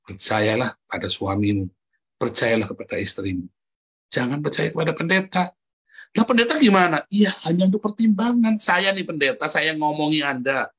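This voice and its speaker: A man preaching a lively sermon, talking straight to his congregation and leaping up in pitch to stress his points. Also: slightly rough. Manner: animated, jumps high in pitch for emphasis, keeps calling out "saudara". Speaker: pastor.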